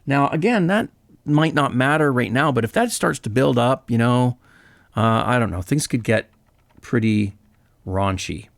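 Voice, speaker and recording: Gravelly-voiced man explaining casually. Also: medium pitch, lively intonation, unhurried, no echo. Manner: chatty and upbeat, with frequent fillers and self-corrections. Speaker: vinyl channel host.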